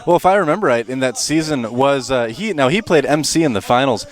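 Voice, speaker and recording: A man's voice: medium pitch, lively intonation, brisk. Young guy casting a starcraft match, chatty and easygoing, plain mid voice. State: out of breath. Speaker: esports caster. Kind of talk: casual esports commentary.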